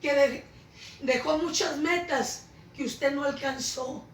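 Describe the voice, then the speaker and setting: Woman preacher, Pentecostal testimony, shouts then hushes; recorded far off in a roomy space. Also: high voice, takes it slowly, slight background noise. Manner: impassioned, swings between shouting and hushed. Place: church home meeting. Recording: echoey room, voice from far off.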